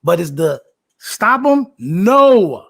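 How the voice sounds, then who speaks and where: A man's voice: sits high, sing-song, drawn-out words, gravelly, fairly bright tone. A man in his late forties arguing sports in a casual debate, emphatic and often repeating himself. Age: 40s. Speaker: co-host.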